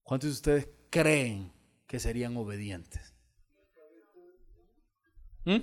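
A man preaching a sermon as pastor, telling stories and acting out the dialogue with lively energy. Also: mid-range voice, slow. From El Salvador. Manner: animated storytelling, acting out dialogue. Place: church hall.

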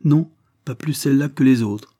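A man's voice: medium pitch, moderate pace, mellow, slightly rough, voice pushed up, lightly acted. A man voicing a newly titled lord in an audiobook, curt and decisive. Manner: curt, decisive, brooks no reply.

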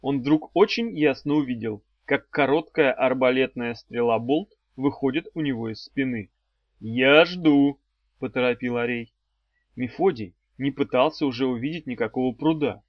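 A medium-pitched man narrates an audiobook in an even, measured storytelling style. The recording is dry, slightly dull, and free of echo.

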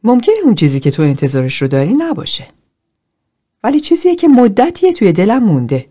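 A woman's voice: medium pitch, very animated, mellow, breathy edge, voice pushed up. A woman reading as a blunt, outspoken group member. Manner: blunt, direct, confrontational.

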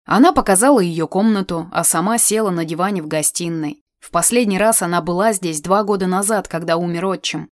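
A woman narrating an audiobook in even, measured storytelling. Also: on the low side, no echo, clean studio sound. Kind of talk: scripted narration.

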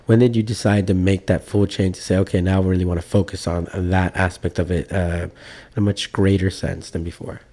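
Mellow-voiced male interview host. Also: low voice, level tone, a little fast. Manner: rambling, frequent restarts and fillers. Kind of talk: casual interview.

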